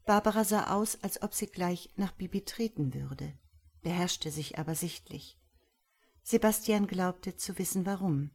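A woman reads a story aloud in a measured way, her voice sitting slightly low. She narrates between the characters' lines. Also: a little mellow, slightly rough. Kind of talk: audiobook reading of a story.

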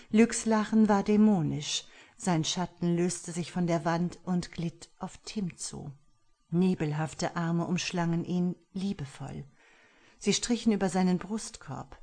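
A woman narrating a dark thriller audiobook in measured, dramatic storytelling. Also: sits low.

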